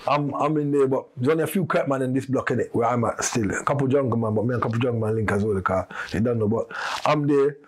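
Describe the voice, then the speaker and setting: A man's voice: medium pitch, fast, few pauses, a little hiss or hum. A man, a podcast guest telling a long story in casual street slang, rambling and restarting as he goes.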